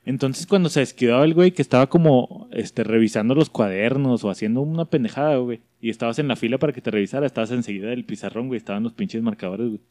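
A man's voice: medium pitch, fast talker, hardly any pauses, warm tone, dry recording. A young man with a Mexican accent telling slangy stories in a casual chat, acting out the people he quotes. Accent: Mexican Spanish. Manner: slangy storytelling, acts out quoted voices.

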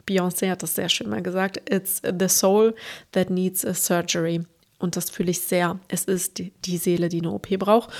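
A young woman talks straight to her viewers in a loose, chatty beauty-vlog style. She stays animated and keeps turning questions back to the listener. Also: mid-range voice. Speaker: beauty vlogger. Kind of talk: casual chat to camera.

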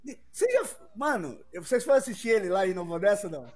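A co-host trading fast jokes in casual banter on a comedy talk show. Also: medium pitch, very animated, darkish tone.

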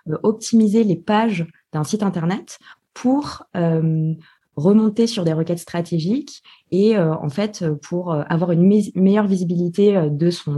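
A woman's voice: lowish voice, dark tone, husky. A woman guest on a podcast interview, explaining her work with many hesitations. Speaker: podcast guest, digital marketer.

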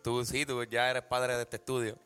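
Young Puerto Rican man, podcast co-host, smooth resonant voice, playful teasing tone, faint music. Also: medium pitch, flat delivery, moderate pace, a bit bright. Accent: Puerto Rican Spanish. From Puerto Rico. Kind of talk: casual chat. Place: tattoo studio.

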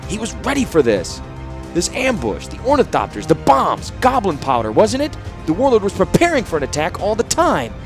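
A man's voice: a little high, very animated, a little slow, soft background music, pitched above the performer's own voice. A man reading an audiobook, voicing a grieving, embittered male artificer who questions coldly and in clipped phrases. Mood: steely. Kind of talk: audiobook character voice.

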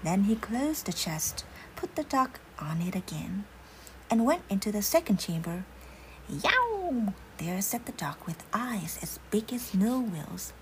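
A woman narrating a fairy tale in a hushed, unhurried whispered role-play. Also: medium pitch, animated, a little hiss or hum, poor audio. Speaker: storyteller.

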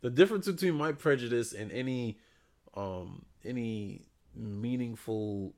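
A young man with a gravelly, creaky voice and a middling pitch, co-hosting a podcast. He talks in a blunt, profane, joking way and gives his opinions in loose casual chat. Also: unhurried, a little mellow. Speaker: podcast co-host.

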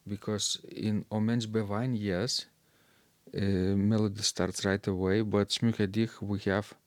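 A man co-hosting a talk about organ music, speaking slowly and hesitantly with many fillers. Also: on the low side, flat delivery, no room sound. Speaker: podcast co-host discussing organ music. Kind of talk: casual discussion.

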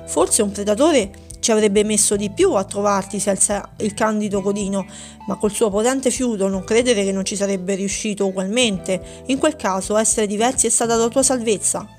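A woman's voice: medium pitch, moderate pace, darkish tone, faint music behind, lightly acted. A woman voicing a small, chubby talking mushroom, sarcastic and teasing but kind and wise, in a storybook reading. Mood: reasoning.

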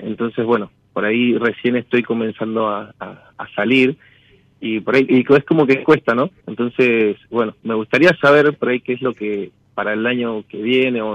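A man talks casually as a caller seeking advice, circling his points hesitantly. His voice has an average male pitch, in dry, slightly dull radio audio. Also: no echo. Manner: hesitant, roundabout phrasing. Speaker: caller seeking a tarot consultation. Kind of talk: casual personal consultation.

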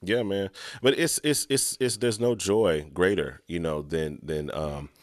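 A man's voice: low-pitched, steady tone, unhurried, dry recording, clean studio sound. A middle-aged man hosting a podcast, talking in an earnest, reflective way with many restarts. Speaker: podcast host. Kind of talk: casual chat.

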